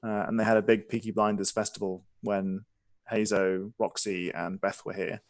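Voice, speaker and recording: A man's voice: fairly low pitch, level tone, moderate pace, no echo. Casting: male game master narrating a tabletop session, informal and self-deprecating, conversational delivery.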